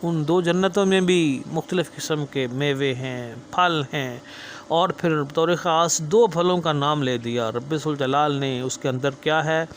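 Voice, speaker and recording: A man's voice: on the high side, a little hiss or hum. A man explaining Quranic verses in an earnest sermon style, often repeating phrases for emphasis. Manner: melodic drawn-out chanting of verses, then earnest explanatory speech. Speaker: Quran teacher.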